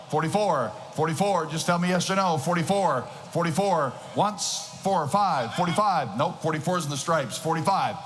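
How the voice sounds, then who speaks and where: A man's voice: a little high, a bit bright. A man working as an auctioneer, calling bids in an insistent, rhythmic chant of repeated numbers and filler phrases. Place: large auction hall. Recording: echoing hall PA with noisy ambience.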